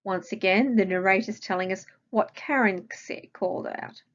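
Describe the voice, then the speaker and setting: A woman's voice: mid-range voice, normal speed, muffled recording. A woman with an Australian accent, a primary school teacher patiently explaining a recorded grammar lesson to children and asking them questions.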